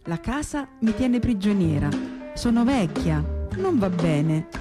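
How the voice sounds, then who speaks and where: A woman's voice: medium pitch, big pitch swings, a little slow, music in the background. A woman reading a fable aloud, voicing a stubborn, blunt woman in her eighties who repeats herself. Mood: fretful. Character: stubborn feisty 84-year-old woman.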